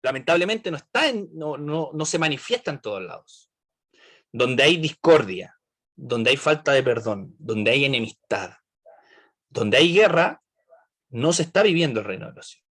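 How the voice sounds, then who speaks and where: A man's voice: medium pitch, animated, normal speed, a bit bright. A man leading an online Bible study, asking the group questions and checking in with "right?".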